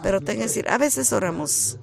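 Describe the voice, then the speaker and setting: A man preaching a sermon, talking in a shy, halting way that rises into emphatic bursts. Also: sits high, gravelly, crowd noise.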